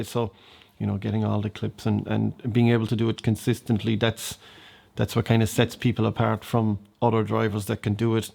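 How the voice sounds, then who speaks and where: A man's voice: lowish voice, gravelly, warm tone. A man reflecting on a driver's talent in a documentary interview, often restarting phrases. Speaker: interviewee in motorsport.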